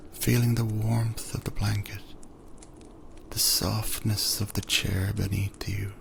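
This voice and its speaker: A man narrating a second-person sleep story in a soft, soothing voice that often drifts into whispers. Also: fairly low pitch, vocal fry, background noise.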